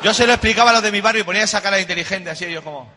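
A middle-aged man performs a stand-up routine on stage, his voice sitting a little high. He tosses slang at the audience and banters back at them. A loud crowd laughs behind him, and the live recording carries plenty of noise. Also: racing. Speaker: stand-up comedian. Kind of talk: stand-up comedy monologue.

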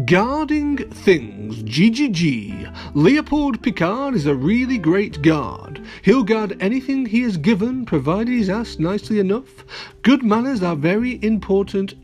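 A kids show host reading an alphabet storybook aloud to children, expressive and playful, with asides to young listeners. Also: medium pitch.

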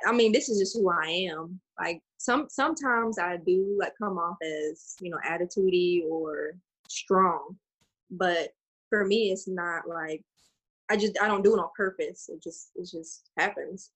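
A woman's voice: fairly low pitch, normal speed, fairly bright tone, breathy edge, low-quality recording. A woman in casual podcast chat, telling stories bluntly and with animation. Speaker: podcast co-host.

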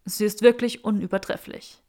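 A woman's voice: medium pitch, fairly even intonation, moderate pace, warm tone, natural voice. Clever young witch in a man's body, read by a woman. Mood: gracious.

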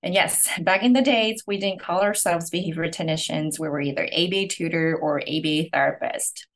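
A woman in her forties from Hong Kong, talking through her career in a relaxed podcast interview. Her voice sits fairly low, and she speaks in earnest, steady answers with frequent small pauses. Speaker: podcast guest, clinic owner.

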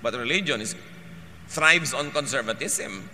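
A man preaching a sermon, mixing Tagalog and English, with an animated and forceful delivery. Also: mid-range voice, measured pace, long reverb tail, a little hiss or hum. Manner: animated, switching between Tagalog and English, rising to forceful emphasis.

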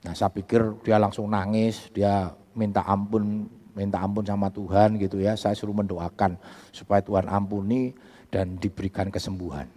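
A man's voice: lowish voice, level tone, moderate pace, big-room sound. A man with a Javanese accent, a pastor telling a story in a sermon and calling his listeners brothers and sisters. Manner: addresses listeners as "saudara", building to loud preaching.

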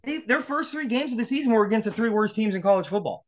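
A man's voice: animated, quick pace. Dude on a sports podcast, gets super fired up, voice jumps up when he's mad. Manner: fired-up, swearing, pitch jumps when riled. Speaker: podcast co-host. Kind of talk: casual sports chat.

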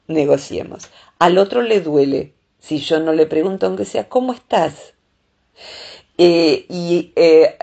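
Rioplatense lady on a podcast, kinda low and husky, explains stuff slow with lots of eh. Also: mellow, muffled recording. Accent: Rioplatense Spanish. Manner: thoughtful, explains with many filler "eh"s. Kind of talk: casual explanatory podcast chat.

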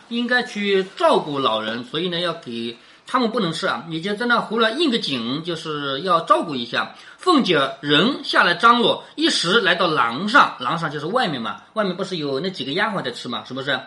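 A woman's voice: fairly low pitch, sharp tone. A woman teaching a class, reading a classic novel aloud and explaining it line by line while checking in with questions.

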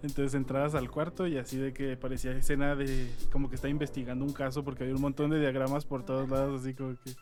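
A man's voice: medium pitch, little pitch movement, quick pace, hardly any pauses, a little mellow. A young man, chatting casually and joking, telling stories with acted-out quotes. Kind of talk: casual chat. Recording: music playing under the talk.

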